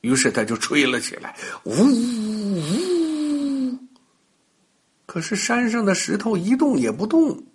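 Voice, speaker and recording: An older man narrating a bedtime story for children in a lively, playful way, talking to the kids directly. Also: high-pitched, fairly quick, few pauses, slightly rough.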